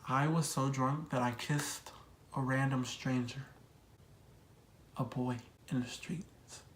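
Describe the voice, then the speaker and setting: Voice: medium pitch, fairly even intonation, slow pace, slight background noise. A young adult vlogger tells a personal story in casual, slang-heavy chat and repeats phrases for emphasis. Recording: echoey room.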